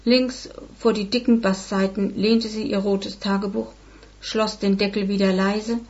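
A woman narrating a story in an expressive, measured reading. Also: mid-range voice, muffled recording.

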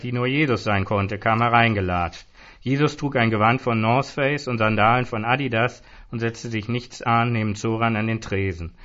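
A man narrating a comic story in a dry, even manner. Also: mid-range voice. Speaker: audiobook narrator. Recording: dull lo-fi recording.

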